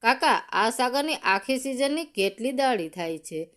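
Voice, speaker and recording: A woman's voice: on the high side, lively intonation, unhurried. A woman voicing a wealthy male businessman who speaks earnestly and emotionally to an old friend. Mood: tearful, earnest.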